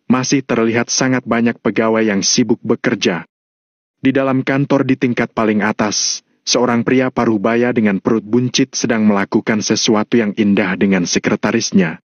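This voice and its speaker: Male audiobook narrator, mid pitch, lo-fi close recording. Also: dry recording. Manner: raises pitch sharply for dialogue. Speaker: novel narrator. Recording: dull dry lo-fi sound.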